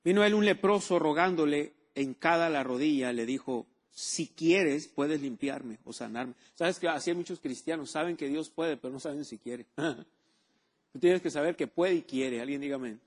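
A man's voice: on the high side, normal speed. A man preaching a sermon, repeating key words and asking the congregation for amens. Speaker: pastor.

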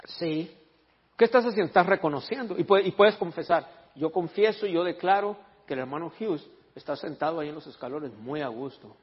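Husky preacher in an echoey church hall. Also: male voice, fairly high pitch, fairly quick. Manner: animated storytelling, joking with the congregation; reads scripture in English and Spanish. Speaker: pastor. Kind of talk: sermon. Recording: echoey hall, dull lo-fi sound.

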